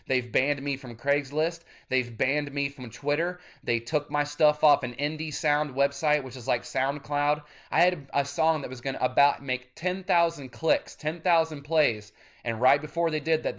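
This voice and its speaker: Rambling, cursing man in his thirties. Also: mid-range voice. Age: 30s. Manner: rambling, cursing, grows loud and insistent. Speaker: independent musician. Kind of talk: direct-to-camera vlog rant.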